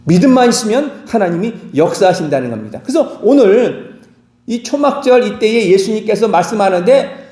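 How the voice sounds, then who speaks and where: Korean pastor, man, high lively voice, mellow tone, dramatic sermon delivery, roomy church sound. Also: normal speed. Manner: dramatic, acts out quoted dialogue with wide swings in pitch. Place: church sanctuary.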